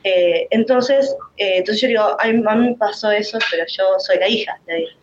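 A woman's voice: mid-range voice, normal speed, lo-fi sound, slight background noise. A woman with a Rioplatense Spanish accent giving an emotional, rambling personal faith testimony, full of restarts.

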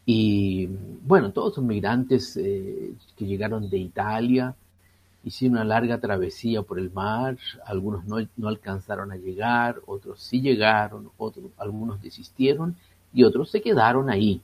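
A man's voice: lowish voice, darkish tone, breathy edge. A Chilean man in his sixties, a priest speaking as a guest in a radio interview, hesitant and full of fillers. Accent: Chilean Spanish. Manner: slow and hesitant, many fillers.

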